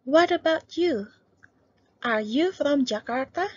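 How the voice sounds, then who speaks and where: A woman voicing Grace, a friendly young woman traveller, reading polite, even textbook dialogue. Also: high-pitched, takes it slowly, no room sound. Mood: pleased. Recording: dull lo-fi sound.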